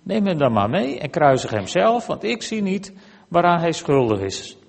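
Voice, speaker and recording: A man reading aloud as a stern middle-aged Roman governor, speaking in a measured, questioning way close to his own voice. A long church reverb trails behind him. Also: fairly high pitch, sing-song, vocal fry, pitched above the performer's own voice, full character voice.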